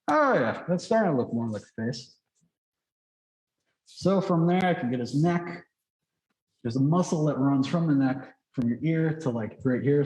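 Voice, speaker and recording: This masked man, a drawing instructor, has a medium-pitched voice with a darkish tone. He chats and rambles as he teaches, thinking out loud and saying "like" a lot, and the recording has an echoey, roomy quality.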